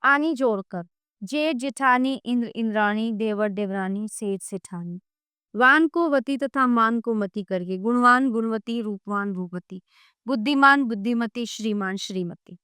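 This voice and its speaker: A woman narrating a grammar textbook in a slow, measured reading, listing example words one at a time. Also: on the high side, bright, forceful tone, clear, resonant tone, no echo, clean studio sound. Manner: reads word lists one by one, measured.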